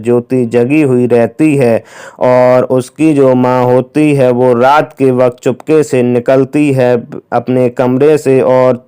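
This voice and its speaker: A man narrating a crime story in a casual, unhurried retelling style, stringing events together with plain connecting phrases. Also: mid-range voice, warm tone, clear, resonant tone.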